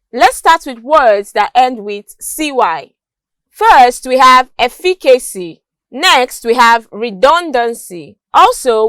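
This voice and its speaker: A woman teaching English word stress in a scripted lesson, reading word lists carefully and clearly. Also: on the high side, no echo.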